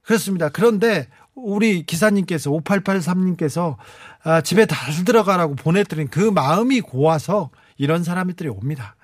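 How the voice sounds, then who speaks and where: A man hosting a late-night radio show, chatting and reading listener messages with warm, teasing asides. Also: sits high, lively intonation, normal speed, breathy edge, dry recording, clean studio sound. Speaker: radio DJ host. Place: radio studio. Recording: music playing faintly behind.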